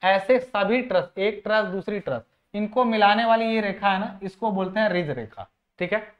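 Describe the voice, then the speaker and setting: A man's voice: high voice, moderate pace, lo-fi sound. A man teaching civil engineering for exams, walking through diagrams in an informal way, asking rhetorical questions and repeating key points. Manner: informal, addresses viewers as friends. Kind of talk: exam-prep lecture explaining diagrams.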